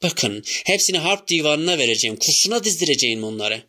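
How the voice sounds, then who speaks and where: A man reading an audiobook, voicing a furious old male work-team boss who shouts threats. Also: fairly high pitch, lively intonation, quick pace, full character voice. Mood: raging.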